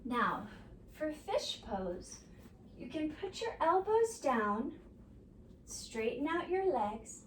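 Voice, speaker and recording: Slow, high-voiced woman teaching kids' yoga. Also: slight background noise. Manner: gentle, slow, sing-song prompts to children. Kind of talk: guided kids' yoga instruction. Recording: echoey room, mic at a distance.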